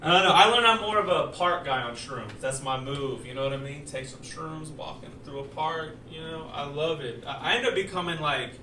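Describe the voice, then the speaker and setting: A young man from Houston performing a stand-up comedy set, rambling loosely and acting out dialogue with big jumps in loudness. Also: fairly high pitch, fairly quick, hardly any pauses, slight background noise. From Houston, Texas. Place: comedy club stage with live audience. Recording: roomy club sound, mic heard from a distance, crowd laughter.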